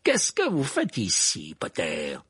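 A man's voice: lowish voice, wildly swooping pitch, slow pace, a bit bright, slightly rough, no echo, studio quality, heavily acted. A man voicing a spiteful male teacher who talks in a cold, sneering, cutting way.

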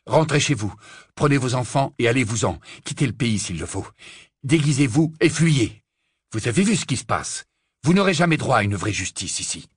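A man's voice: medium pitch, big pitch swings, moderate pace, breathy edge, no room sound, clean studio sound. A man voicing a determined teenage boy wizard in an audiobook, giving urgent commands.

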